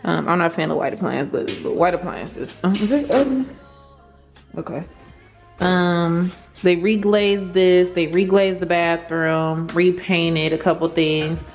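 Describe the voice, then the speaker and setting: Her voice is fairly low and her pace measured as this woman, a vlogger, casually shows viewers around an unfurnished apartment. The recording echoes like a large hall off the empty walls, with faint music underneath.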